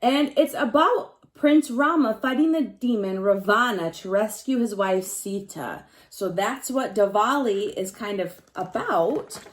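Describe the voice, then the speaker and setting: At medium pitch and a measured pace with few pauses, a woman teacher reads a picture book aloud to young children. She explains things in simple words, emphasizes key words, and speaks to the pupils directly with questions.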